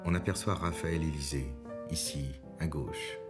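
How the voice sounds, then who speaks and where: Male documentary narrator, very low voice, measured delivery, clear music underneath. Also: fairly even intonation.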